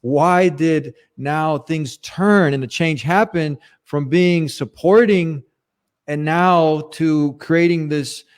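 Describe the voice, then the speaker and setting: Male talk host, a touch high-pitched, inquisitive interviewer. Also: takes it slowly, clean tone. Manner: inquisitive, prompting questions. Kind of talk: casual interview.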